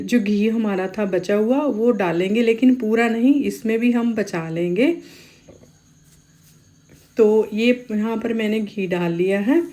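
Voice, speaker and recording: Woman cooking host with a sore throat, warm, low-key tone, chatty and step-by-step, corrects herself and says "uh" a lot. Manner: chatty, with many fillers and self-corrections. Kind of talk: casual cooking tutorial narration.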